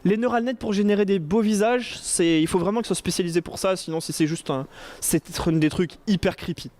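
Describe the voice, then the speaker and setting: A man giving a relaxed conference talk on AI, informal and joking, with lots of fillers and restarts. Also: high voice, fast talker. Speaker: conference speaker on AI.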